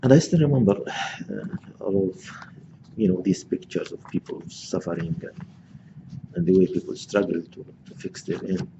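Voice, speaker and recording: Deep gravelly older man lecturing. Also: lively intonation, muffled recording, background noise. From Gaza, Palestine. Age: 60s. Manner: halting, many restarts and fillers. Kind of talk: reflective personal lecture.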